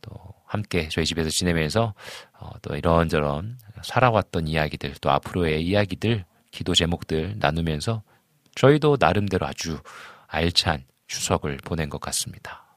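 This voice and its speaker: Lively low-voiced pastor chatting on stream. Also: male voice, moderate pace, dry recording, studio quality. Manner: chatty, warm greetings, frequent fillers and chuckles. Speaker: pastor hosting a live stream. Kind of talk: casual live-stream chat reading viewer comments.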